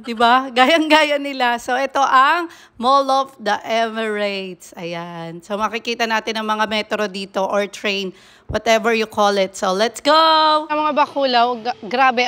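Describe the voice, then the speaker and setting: A woman narrating a casual travel vlog while walking through an indoor theme park, exclaiming excitedly to her viewers as she films on a handheld phone. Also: on the high side, measured pace, dry recording. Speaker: vlogger.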